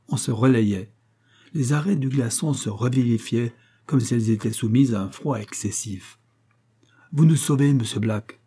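Reading a classic adventure story aloud, this narrator gets dramatic and lifts his volume whenever a character shouts. He has a husky, medium-pitched voice.

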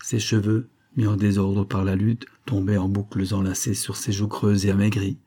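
A man reading a classic novel aloud as an audiobook narrator, measured and expressive. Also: fairly low pitch, breathy edge.

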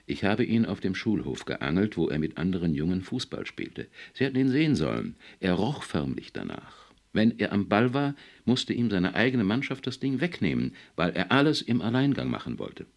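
A man's voice: low-pitched, very animated, moderate pace, voice pushed up, heavily acted. A man voicing a chubby, cigar-chewing talent scout who talks eagerly and boastfully.

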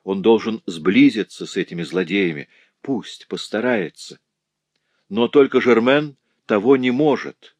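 Cast a man doing a chatty, soft-hearted young working girl for an audiobook, raised and lively over his low natural voice, dry close mic. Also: unhurried, no room sound. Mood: worried. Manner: eager, emotional chatter. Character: cheerful young working Parisian woman, tender-hearted. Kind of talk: audiobook character voice.

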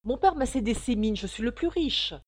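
A woman reading the part of an arrogant, rich young man with a nasal voice, speaking loudly and boastfully. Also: medium pitch, expressive, a little fast, lightly acted. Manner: loud, boastful delivery.

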